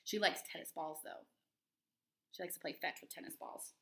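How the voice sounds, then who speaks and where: A woman teacher reading a picture book aloud to children, expressive and playful, chatting about the story as she goes. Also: fairly low pitch, normal speed. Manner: expressive and playful, comments to kids. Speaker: elementary school teacher. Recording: roomy echo.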